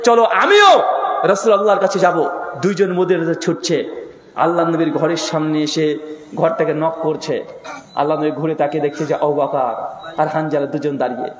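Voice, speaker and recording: A man preaching a sermon, telling a story dramatically and rising to shouts at the peaks. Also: a little high, little pitch movement, moderate pace. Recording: echoey hall with long reverb.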